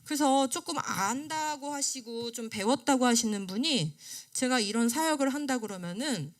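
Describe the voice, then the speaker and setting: A woman's voice: sits high, normal speed. A middle-aged woman giving a classroom lecture, asking the class questions and answering them herself. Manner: lively, rising and falling delivery. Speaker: creation science lecturer. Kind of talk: classroom lecture on a study book.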